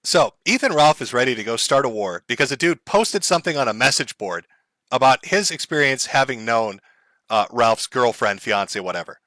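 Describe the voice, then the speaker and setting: A man's voice: medium pitch, animated, moderate pace, bright, forceful tone, no echo. A man hosting a stream, telling a story in a profane, sarcastic way with frequent laughs and mock voices. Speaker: commentary streamer host. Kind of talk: mocking stream commentary.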